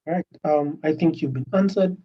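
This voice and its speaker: A man's voice: a little high, moderate pace. A man with an East African accent gives hesitant closing remarks as a workshop organizer on a video call. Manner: hesitant, many fillers. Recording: muffled distant online call audio.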